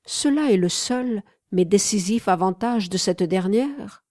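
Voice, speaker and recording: A woman's voice: medium pitch, lively intonation, unhurried, a little mellow, no room sound, clean studio sound, natural voice. A woman reading an audiobook, voicing a haughty, mocking woman in furs with a cool, commanding tone. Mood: scornful.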